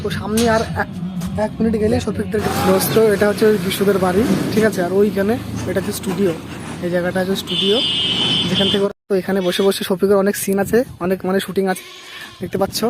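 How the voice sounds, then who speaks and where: A man's voice: high voice, little pitch movement, fast, loud music behind the voice. A young man from Bangladesh chatting casually to his viewers in a travel vlog while riding outdoors on a rural road, often checking in with them. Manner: chatty, keeps asking viewers "okay?". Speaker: vlogger.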